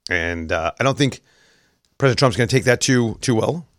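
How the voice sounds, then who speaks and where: A man's voice: medium pitch, animated, moderate pace, a bit bright, no echo, studio quality. Sarcastic male talk show host. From New York. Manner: sarcastic, wry asides. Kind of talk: casual political commentary.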